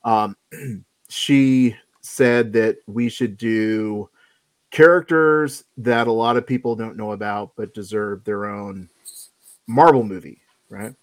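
A man co-hosting a casual podcast chat, animated and exclamatory, calling people "dude.". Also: on the low side, slow, no echo. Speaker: podcast co-host.

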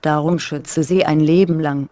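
A synthetic woman's voice narrating a German fairy tale in an even, unhurried storybook manner. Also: deep voice. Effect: synthetic speech.

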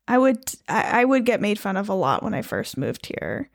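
A woman's voice: medium pitch, sing-song, moderate pace, gravelly, no echo, studio quality. A woman from New York's capital region with a faint upstate New York accent, co-hosting a podcast in a playful, teasing way. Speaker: podcast co-host. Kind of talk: casual chat.

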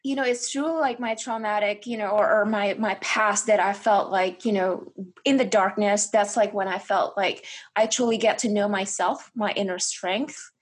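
A woman's voice: medium pitch, steady tone, moderate pace, husky. A woman from Indonesia speaking earnestly as a guest in an interview, restarting often and leaning on fillers. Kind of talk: candid interview conversation.

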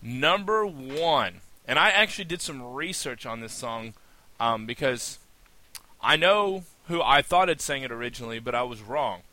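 A man's voice: medium pitch, animated, normal speed, bright, forceful tone, no echo. A man co-hosting a podcast in casual chat, easygoing and chatty, laughing often. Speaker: podcast co-host.

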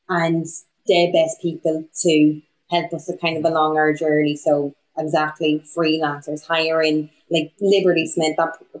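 A woman's voice: sits low, a little mellow, poor audio. Young woman with a west of Ireland accent. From Donegal, Ireland. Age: young adult. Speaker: small business owner in film production. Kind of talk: casual conversational interview answers.

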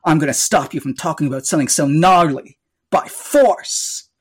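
A man's voice: a little high, normal speed, breathy edge. A man doing a surfer-dude radio villain. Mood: sneering. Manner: slangy surfer drawl, over the top.

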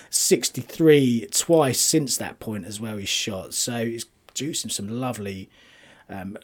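A man talking through golf form, statistics and betting picks as a commentator, in a conversational, analytical way with a slightly husky voice. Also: lowish voice.

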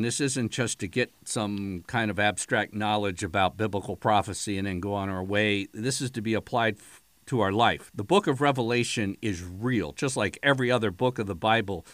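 A man preaching a sermon, with emphatic, dramatic swings in pitch and loudness. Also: dry recording.

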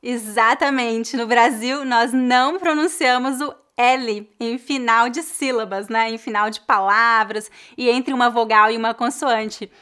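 Woman, São Paulo Brazilian accent, bright clear tone, slightly high voice, careful teaching delivery. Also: steady tone, a little slow, few pauses. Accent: São Paulo Brazilian Portuguese. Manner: clear, carefully enunciated examples. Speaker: Portuguese teacher, host. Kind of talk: language lesson conversation.

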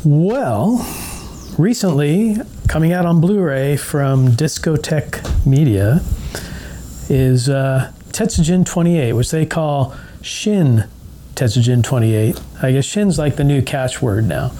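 A man's voice: a little high, lively intonation, slow pace, warm tone. A man presenting a podcast segment in a casual, chatty review style. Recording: faint background noise, room ambience.

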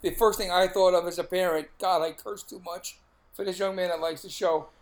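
A man's voice: sits high, fairly even intonation, brisk. A middle-aged man with a Brooklyn accent, co-hosting a podcast in casual, blunt, jokey chat. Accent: Brooklyn, New York. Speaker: podcast co-host.

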